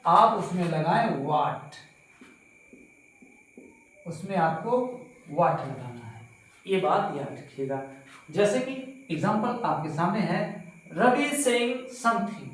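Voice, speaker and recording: A man teaching a slow grammar lesson to pupils, repeating points and asking them questions. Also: high voice, sing-song, a bit bright, recorded from a distance. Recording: very echoey room, voice from off-mic.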